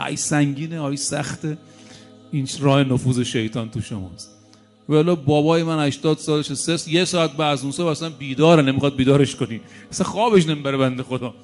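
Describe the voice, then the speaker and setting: A man preaching a sermon, telling stories with rhetorical questions and moving between soft and loud delivery. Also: on the high side.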